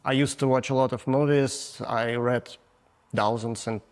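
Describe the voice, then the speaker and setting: A man in his forties with a Russian accent, a guest photographer, talks at a medium pitch in a steady tone. He answers the interview casually and frankly, his non-native English halting and marked by restarts.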